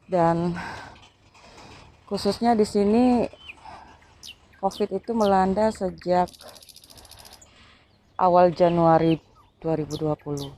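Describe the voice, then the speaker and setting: A woman's voice: lowish voice, dark tone, a little hiss or hum. A woman from Indonesia, vlogging outdoors in a city square and filming herself with a handheld phone, hesitant, with many fillers. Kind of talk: casual vlog narration. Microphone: phone held by hand, no tripod.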